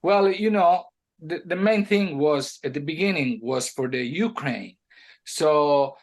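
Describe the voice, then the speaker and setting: A man with a noticeable Italian accent and a fairly high speaking voice talks as a guest in a relaxed interview. He stops and restarts often, then rushes forward in animated bursts. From Italy. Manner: halting, many restarts and fillers, animated bursts. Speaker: music producer guest. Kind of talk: casual interview.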